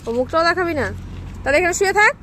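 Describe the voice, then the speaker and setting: A woman's voice: very high voice, lively intonation, racing. A woman scolding and coaxing her child in repeated short phrases, talking casually outdoors by a street, recorded on a phone camera. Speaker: mother. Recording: loud street noise behind.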